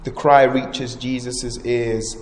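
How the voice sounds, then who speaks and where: A man preaching a sermon fervently, rising to loud proclamation and dropping to hushed emphasis. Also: mid-range voice, little pitch movement, slow, slight background noise. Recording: echoey hall with long reverb.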